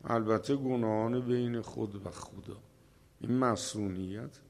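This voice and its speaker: Gravelly-voiced man preaching slowly. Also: lowish voice, steady tone. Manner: slow, emphatic delivery with dramatic pauses, voice rising at climaxes. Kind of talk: religious sermon, storytelling.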